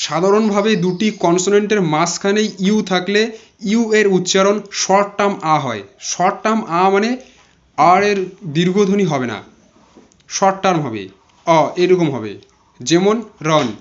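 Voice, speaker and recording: Bengali-speaking male teacher, high voice, patient, repeats examples slowly, dull lo-fi sound. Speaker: English pronunciation teacher. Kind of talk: explaining pronunciation rules. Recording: dull lo-fi recording.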